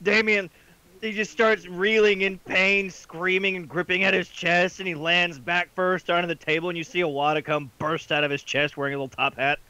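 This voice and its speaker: Male game master, high bright voice, animated, profane, joking, casual narration. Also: moderate pace, highs cut off, a little hiss or hum.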